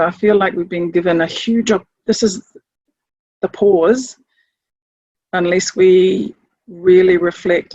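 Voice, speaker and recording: A middle-aged woman from Samoa speaks in a husky, breathy voice, searching for her words with small restarts. The sound is dry and a little dull, as if close-miked in a quiet room. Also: on the low side, no echo. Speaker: chief executive of a leadership organisation. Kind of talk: reflective talk to camera.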